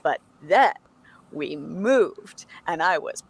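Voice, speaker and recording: A woman guest on a podcast, telling stories in animated casual chat, often laughing and using "like" as filler. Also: low voice, slow pace, gravelly, slightly rough.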